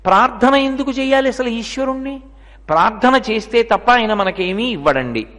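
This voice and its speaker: A man's voice: very high-pitched, animated, moderate pace, fairly bright tone. A man with a Telugu accent giving a devotional discourse, asking the audience rhetorical questions and using everyday examples. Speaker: religious discourse speaker. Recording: long reverb of a lecture hall.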